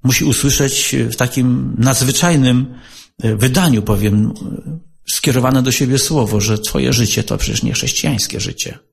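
A man preaching a sermon, earnest and exhorting, repeating rhetorical questions and swinging between loud and soft. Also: medium pitch, normal speed, creaky. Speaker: lay preacher.

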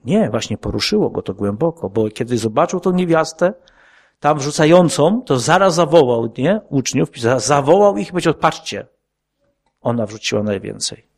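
Expressive and slightly mellow, a man speaks at a normal pace in an earnest sermon to his flock. Rhetorical questions punctuate his preaching, and quoted words come in a lowered voice.

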